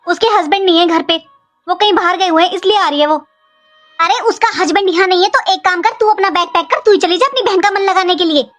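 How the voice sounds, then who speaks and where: A woman voicing Hindi cartoon family comedy dialogue, in a sharp scolding way. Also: very high voice. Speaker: cartoon voice artist doing all family roles.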